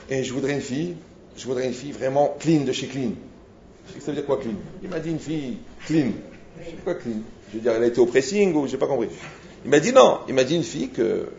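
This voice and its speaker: A man's voice: mid-range voice, gravelly. Man, rabbi, storytelling sermon, acts out both sides, echoey room, slightly muffled. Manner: animated storytelling, acts out dialogues, rising to near shouts. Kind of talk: lively sermon with anecdotes. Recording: roomy, dull lo-fi sound with faint noise.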